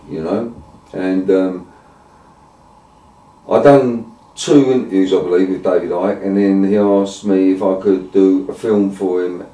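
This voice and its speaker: Blunt man, low voice, halting and sweary, recorded from afar in a roomy space. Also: dark tone. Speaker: interviewer and campaigner. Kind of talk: casual conversational interview. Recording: roomy, distant mic, faint noise.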